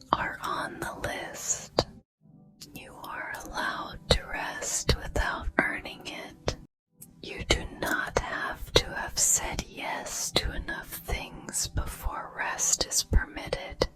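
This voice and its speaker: A woman whispers an ASMR pep talk of affirmations, soft, breathy, deliberate and reassuring, pausing between phrases.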